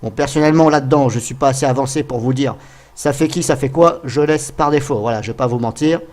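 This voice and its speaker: A man narrating a casual software tutorial, thinking aloud as he goes and talking to viewers with frequent hesitant fillers. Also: mid-range voice, fast. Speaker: tutorial host.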